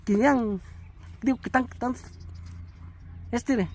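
A man from Oaxaca, answering questions in halting, repetitive murmurs during a casual chat. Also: extremely high pitch, vocal fry, breathy edge. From Oaxaca, Mexico. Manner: halting, repeats himself, answers in short murmurs. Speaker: interviewee.

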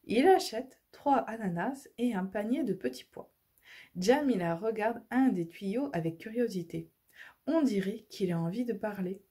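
A woman reading a children's audiobook, lively and expressive. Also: medium pitch, unhurried, breathy edge. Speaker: storyteller.

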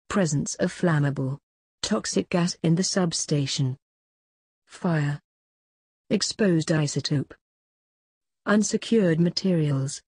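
Husky, dry voice reading safety points. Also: medium pitch, no room sound. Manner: even, list-like delivery of short phrases. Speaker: safety instructor. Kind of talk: reading slide bullet points aloud.

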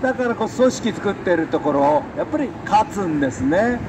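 A middle-aged man giving an emphatic, halting, colloquial street speech into a handheld microphone. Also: high-pitched, big pitch swings. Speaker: defeated election candidate, street speaker. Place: outdoors beside a busy city road. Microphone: handheld microphone held close. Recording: noisy city street with traffic.

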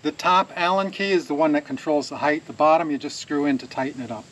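The sawmill owner, a man in his forties, talks quickly in a fairly high voice while showing a repair outdoors in the wooded yard by the mill. He's chatty, laughs readily and keeps working as he explains; background noise is clearly heard.

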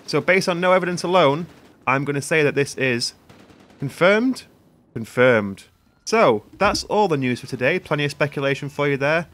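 A man's voice: a little high, brisk, fairly bright tone. A British man doing sarcastic, mock-serious parody news anchor commentary for a gaming channel. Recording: gunfire and game noise behind voice. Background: video game gunfire.

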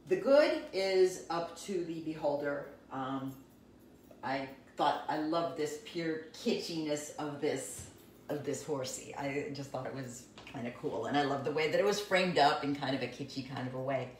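A woman's voice: low voice, expressive, unhurried, slight background noise. A middle-aged woman casually chatting about the art in her home as she walks through her laundry room. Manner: chatty, self-deprecating, enthusiastic. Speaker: artist giving a home art tour. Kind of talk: casual live-stream tour. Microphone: handheld phone camera. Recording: echoey room, phone held at a distance.

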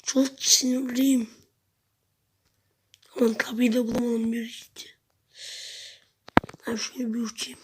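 High, flat-voiced woman narrating her gameplay. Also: moderate pace, long pauses, slightly rough. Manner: chatty, talks to herself and viewers, sudden loud outbursts. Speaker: gameplay video host. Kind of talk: casual gameplay commentary.

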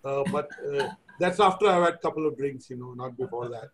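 A man's voice: mid-range voice, a little fast, slight background noise. A middle-aged man with an Indian accent, hosting an interview in a chatty, self-deprecating way over a video call. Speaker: interview host. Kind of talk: conversational interview. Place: indoor room, video call.

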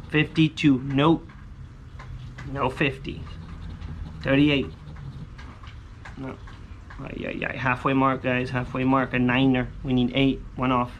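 Casual man chatting over clear outdoor noise. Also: medium pitch, flat delivery, a little slow, long pauses, highs cut off. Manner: repetitive, slangy, hopeful muttering. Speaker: vlogger scratching lottery tickets. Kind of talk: casual chat to viewers. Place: outdoors on a covered poolside patio.

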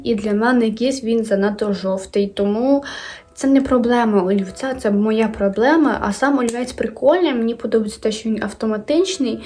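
Bright-pitched young woman with mellow tone. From Ukraine. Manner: chatty, self-correcting, drops to quiet asides. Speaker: beauty vlogger. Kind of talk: casual product unboxing chat.

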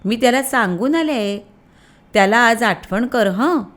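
A woman voicing a gentle loving mother. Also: on the high side, animated, a little slow. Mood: tender. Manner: soft, affectionate, reassuring.

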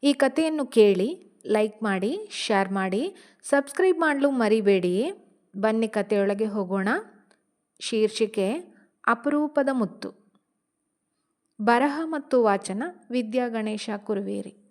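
Slow, gentle woman storyteller. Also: on the high side, animated. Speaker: storyteller and author. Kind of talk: reading her own short story aloud.

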